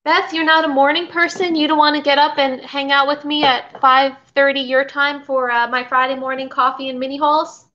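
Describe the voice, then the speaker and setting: Her pitch is high with little movement, and she talks at a moderate pace with few pauses, her tone pushed and bright. She's a middle-aged vintage seller from Florida running a casual live haul from her kitchen at home, rambling and reading out comments from viewers. A desk webcam picks her up with slightly dull lo-fi sound.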